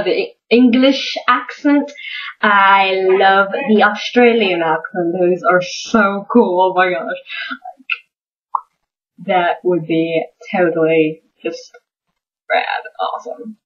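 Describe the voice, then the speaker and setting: A woman's voice: mid-range voice, muffled recording. A young woman from Georgia, with a slight Southern accent, chatting casually to camera in an enthusiastic way, often repeating words. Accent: Georgia, US South, with slight northern tinge. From Georgia, USA. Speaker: vlogger doing an accent tag.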